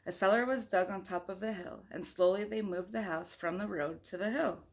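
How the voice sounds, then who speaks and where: A woman with a mid-pitched voice reads a storybook aloud to young children. She keeps it conversational and engaging, mixing the narration with casual remarks and questions to the listeners. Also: normal speed, slight background noise. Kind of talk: read-aloud storytelling with chatty asides to children.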